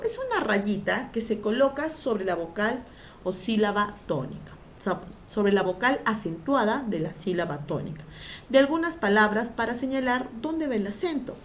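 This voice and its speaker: A woman's voice: fairly high pitch, a little hiss or hum. A woman teacher giving a grammar lesson, drawing out syllables for emphasis and asking the class questions before answering them herself.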